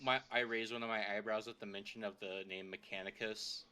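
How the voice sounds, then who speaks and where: Casual male player, bright voice, trips over his words. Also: on the low side, fairly even intonation, fairly quick, slight background noise. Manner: stammering restarts, joking. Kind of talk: casual tabletop play.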